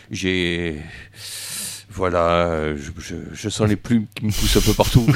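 A man's voice: lowish voice, dry recording. A man from hosting a rock radio show, talking casually with many hesitations and restarts. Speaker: radio host.

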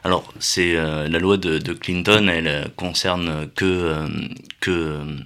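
A man presenting a radio talk segment from the studio, halting often with fillers as he explains. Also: low-pitched, steady tone, fairly bright tone, clean tone. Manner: hesitant, many euh fillers.

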